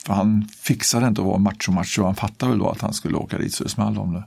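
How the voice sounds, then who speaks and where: A middle-aged man tells stories in a blunt, animated way and often tags his sentences with questions. His voice is gravelly and husky throughout. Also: on the low side. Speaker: local resident interviewee. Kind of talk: casual storytelling.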